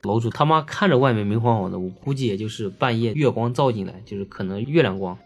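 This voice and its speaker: A man's voice: lowish voice, fast, breathy edge. A man telling a ghost story in a chatty, casual way, full of fillers. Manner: chatty, filler-heavy, lively.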